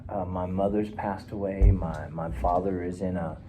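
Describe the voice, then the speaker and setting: A man playing a troubled fifty-one-year-old client sent by the court in a counseling role-play, talking in a hesitant, halting, earnest way. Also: deep voice, steady tone, mellow, soft background music, natural voice, low-quality recording. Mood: subdued.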